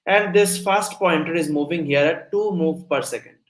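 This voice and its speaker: A young man leads a live online coding lecture, explaining step by step and frequently asking if the audience is keeping up. His voice is a little high and his pace moderate, with a roomy sound and poor audio.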